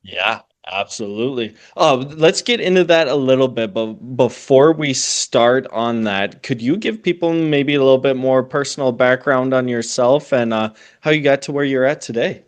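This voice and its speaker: A man's voice: mid-range voice, moderate pace, few pauses. A man hosting a business podcast, asking questions in a friendly, hesitant way with many fillers. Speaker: podcast host. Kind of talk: casual interview hosting.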